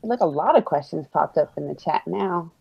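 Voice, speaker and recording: A woman's voice: low voice, animated, moderate pace, creaky, slightly rough, no echo, lo-fi sound. A woman hosting a casual stream interview, chiming in with short encouraging remarks. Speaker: stream host.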